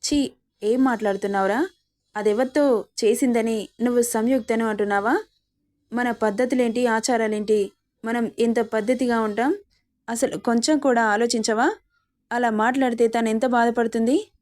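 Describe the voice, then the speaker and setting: A woman's voice: fairly high pitch, fairly even intonation, moderate pace, long pauses, darkish tone, close to an everyday voice. A woman voicing a kind mother-in-law who comforts her daughter-in-law and scolds her son. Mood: scolding.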